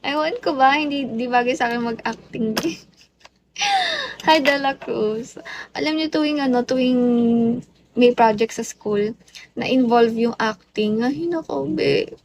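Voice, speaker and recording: Filipino girl doing a phone live stream, high voice, slow easy talk, teasing viewers, a little background noise. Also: expressive. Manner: switches between Tagalog and English, playful and teasing. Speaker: livestreamer. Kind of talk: casual live stream chat greeting viewers.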